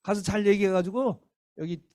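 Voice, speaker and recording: Man doing a brusque, impatient high priest. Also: moderate pace, a little mellow, close to an everyday voice. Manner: curt, impatient questions.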